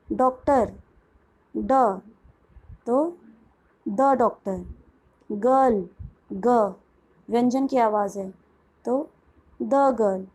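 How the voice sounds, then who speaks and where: High-voiced, slow-talking woman teacher. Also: a little mellow, low-quality recording. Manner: patient, asks questions and answers them; slows right down for English phrases. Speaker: English teacher. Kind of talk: bilingual classroom lesson.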